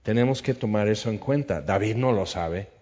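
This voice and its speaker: Man, sermon, acts out scenes, lowish voice, dull sound. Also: normal speed. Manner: animated, acts out biblical dialogue. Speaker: preacher.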